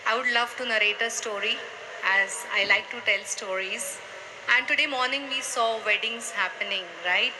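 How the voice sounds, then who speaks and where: A woman on a panel introducing her work with babies and telling a story in a measured way. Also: fairly high pitch. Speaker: panelist, infant specialist. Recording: noisy live event recording.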